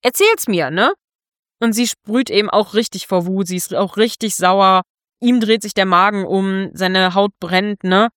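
A chatty woman retells a story in relaxed conversation, checking in with her listener now and then. Her voice sits at a middle pitch. The sound is dry and close, with no room around it. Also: smooth, no echo. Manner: chatty, keeps tagging lines with 'ne?'. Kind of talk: casual chat retelling a novel.

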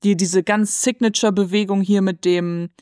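A woman casually retelling the scenes of a drama series in an animated way, quoting what the characters say. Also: mid-range voice, moderate pace, no room sound, clean studio sound. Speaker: podcast co-host recapping a drama series. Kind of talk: casual chat.

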